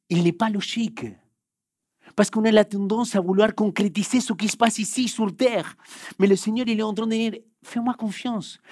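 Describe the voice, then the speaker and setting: In a church hall, a young Spanish-accented pastor, a native Spanish speaker, preaches and shares a personal story, alternating loud urgent outbursts with hushed, quiet stretches. His voice sits high, and the recording is dry and studio quality.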